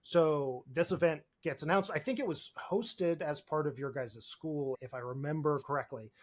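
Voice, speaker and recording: A man's voice: a little high, moderate pace. A man hosting a podcast, asking guests questions in an upbeat, chatty way. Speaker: podcast host. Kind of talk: casual interview.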